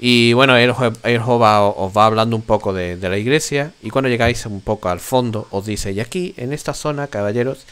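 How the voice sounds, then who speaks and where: Lowish middle-aged Spanish game master. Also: male voice, fairly quick, few pauses, a bit bright, smooth. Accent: Castilian Spanish. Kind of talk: narrating a tabletop game. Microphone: headset on video call. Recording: faint noise on video call.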